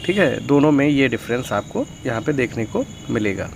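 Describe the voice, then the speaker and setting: A male tutor explains grammar in a gravelly voice. He reads each example sentence slowly and fills his pauses with hesitant sounds. A faint hiss sits under the recording. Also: mid-range voice, very animated. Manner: mixes Hindi and English, reads examples slowly, frequent fillers. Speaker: English teacher.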